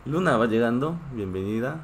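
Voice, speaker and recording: A man's voice: mid-range voice, expressive, moderate pace, a little hiss or hum. A man who is a native Korean speaker, teaching a live online class in a patient way and often checking in with his students. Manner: reads chat and greets viewers.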